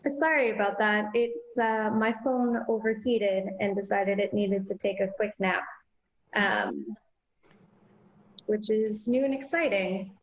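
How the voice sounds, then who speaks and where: A woman's voice: medium pitch, slow. A woman moderating an event over a remote connection, her voice sounding like it comes from inside an echoing tunnel, talking in a light, self-deprecating way. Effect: sounds like she's in an echoing tunnel.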